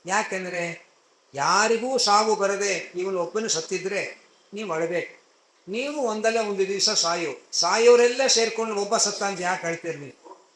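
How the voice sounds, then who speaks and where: A man's voice: high-pitched, moderate pace, a bit bright. A man voicing a proud male demon king who scornfully lectures his grieving family, recorded in an echoey hall.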